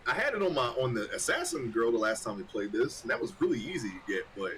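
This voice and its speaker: A man's voice: medium pitch, sing-song, quick pace, fairly bright tone. A man chatting casually while streaming a co-op game, rambling and repeating himself. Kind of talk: casual chat while gaming. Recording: faint background noise.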